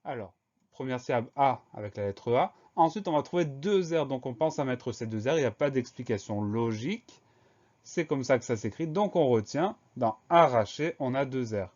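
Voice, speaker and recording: A man's voice: mid-range voice, animated, darkish tone, dull audio. Methodical male teacher spelling words aloud. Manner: slow, clear, methodical dictation. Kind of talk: spelling lesson, spelling words out letter by letter.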